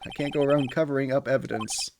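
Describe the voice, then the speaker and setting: A man's voice: mid-range voice, fairly even intonation, fast, vocal fry, noisy background, natural voice. A man voicing a young male defense attorney who sounds anxious but determined, with game music behind. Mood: worried.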